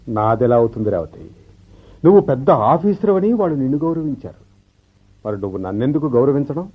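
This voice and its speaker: An actor playing a bitter, reproachful husband in an old radio show, speaking slowly and reflectively, with the dull sound of a vintage radio broadcast. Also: male voice, medium pitch, expressive. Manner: slow, reproachful, reflective speech. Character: bitter middle-aged husband, a clerk left behind. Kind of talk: 1970s radio drama acting.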